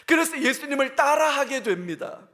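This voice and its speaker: Male pastor, very high voice, sermon delivery, loud bursts to whispered asides. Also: lively intonation, normal speed. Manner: swings between loud emphatic bursts and hushed, whispered asides; addresses the congregation directly with questions. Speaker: senior pastor.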